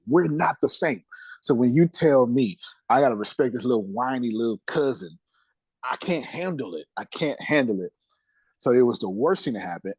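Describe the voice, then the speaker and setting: A podcast guest, male, tells his life story with candor and force, dropping streetwise slang and repeating phrases to drive them home. His mid-range voice has a darkish tone with a breathy edge, recorded without echo.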